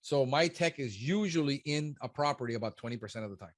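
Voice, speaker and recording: A man's voice: mid-range voice, expressive, fast talker, no echo, studio quality. Blunt man in his fifties, coaching. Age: 50s. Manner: blunt, emphatic, speaks man to man. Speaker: pest control business consultant. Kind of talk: frank one-on-one business coaching.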